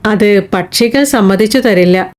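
A woman reading an audiobook voices a quiet, self-reliant blind woman weaver who answers in short, plain replies. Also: mid-range voice, a little slow, natural voice.

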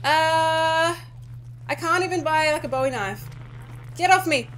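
A woman's voice: sits high, expressive, a little fast, a bit bright, slight background noise. A woman giving casual commentary over her own gameplay, nervous, swearing and pleading with the game. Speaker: gaming YouTuber.

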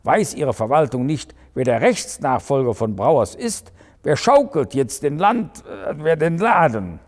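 A man's voice: on the high side, big pitch swings, a little slow, a little mellow, in a large hall, voice pushed up. Man playing a blustering tipsy mayor. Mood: grumbling. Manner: blustering, slurring slips. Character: tipsy, choleric male small-town mayor.

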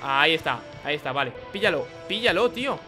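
A young man with a Spain Spanish accent, giving excitable, chatty gameplay commentary and laughing often. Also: a little high, fast talker, faint music behind. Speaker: gaming YouTuber.

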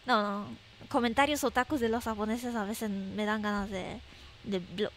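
A woman's voice: fairly even intonation, normal speed, fairly bright tone, slight background noise. A woman livestreamer with an anime-like voice, chatting casually and playfully with viewers, often exclaiming and repeating herself. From Japan. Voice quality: very high anime-like voice.

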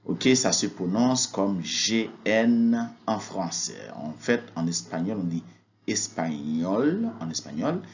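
A man's voice: deep voice, slight background noise. A man giving a spoken language lesson, hesitant, with frequent fillers and words repeated for practice. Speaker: Spanish teacher. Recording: dull lo-fi recording.

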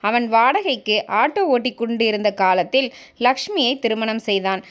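A woman narrating a family story in a steady storytelling voice, speaking the characters' lines with only a slight change of voice. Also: fairly high pitch.

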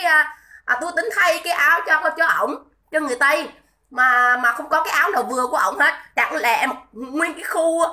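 Her voice is high, bright and forceful as she delivers an indignant, scolding rant on a livestream. She keeps circling back to the same points and greets viewers between outbursts.

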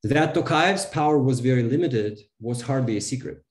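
A man in his thirties from Kazakhstan, speaking like a professor: fluent, measured and prepared. His voice is mellow and dark. The video call picks up a roomy echo. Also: medium pitch. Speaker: panelist, sociology professor. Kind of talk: prepared panel talk.

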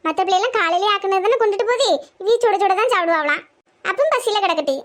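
A woman voicing a melodramatic middle-aged village housewife in a cartoon comedy, theatrical and sharp-tongued. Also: expressive, racing. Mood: sarcastic. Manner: shrill, theatrical wailing and complaining.

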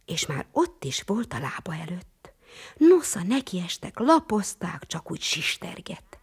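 A woman narrating a children's storybook, often dropping into a breathy half-whisper. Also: on the low side, very animated. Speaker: audiobook narrator.

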